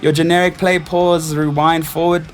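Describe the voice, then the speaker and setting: Soft music plays behind a South African-accented man in his twenties, an interview guest who works on stage crew as a technician. At a moderate pace and in a level, fairly high voice, he casually recounts personal stories.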